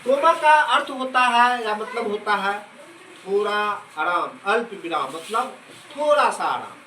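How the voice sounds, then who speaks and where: A man teaching a class in a high, bright voice, checking often that the students follow. He sounds far from the mic in an echoey classroom, with faint background noise. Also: expressive. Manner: explains slowly with repeated questions to the class. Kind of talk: classroom lesson. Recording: echoey room, from a distance.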